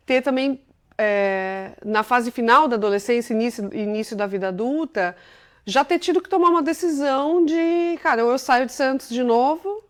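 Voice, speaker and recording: Woman, 40s, from Brazil, interview guest, CEO, higher voice, enthusiastic, rambling, tag-heavy. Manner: chatty, full of filler tags, enthusiastic storytelling. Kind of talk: casual interview talk.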